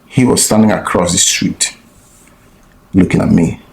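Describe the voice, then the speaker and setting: Man, gravelly voice, blunt profane storytelling, roomy echo. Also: low voice, a little slow. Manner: blunt and profane, many restarts. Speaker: vlogger. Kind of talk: casual storytelling monologue.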